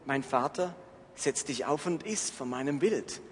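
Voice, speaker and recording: A man's voice: mid-range voice, animated, unhurried, a little hiss or hum, lightly acted. A man reading as a grieving son, pleading. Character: grieving adult son begging his father. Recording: echoey hall, faint ambience.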